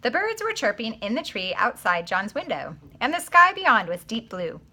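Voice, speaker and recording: A woman, a teacher, reading a children's book aloud in an expressive, animated way. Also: fairly high pitch, normal speed, husky.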